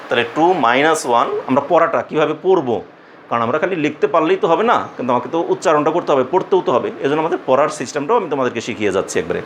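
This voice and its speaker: A man teaching a math class for young students, explaining step by step with many repeats, small pauses and check-in questions. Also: a little high, animated, a little hiss or hum. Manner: patient, repetitive explaining with frequent fillers and questions.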